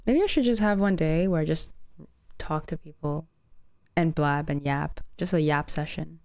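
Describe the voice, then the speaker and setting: A woman's voice: low-pitched, moderate pace, darkish tone, no echo. Lady host asking questions in a dry close mic, laughs easy. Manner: asks questions, laughs easily. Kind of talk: casual interview chat.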